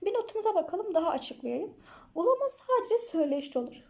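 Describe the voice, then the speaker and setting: High, mellow-voiced woman teacher. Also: sing-song. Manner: asks the class questions and answers them herself; repeats example words slowly and clearly. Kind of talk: online lesson explaining grammar slides.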